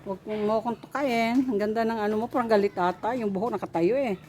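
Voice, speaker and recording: A woman's voice: medium pitch, quick pace, darkish tone, slight background noise. A woman vlogging as a tour guide, chatting casually and greeting the animals as she walks around an outdoor resort. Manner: chatty, talks to the animals, mixes in English. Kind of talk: casual walking vlog.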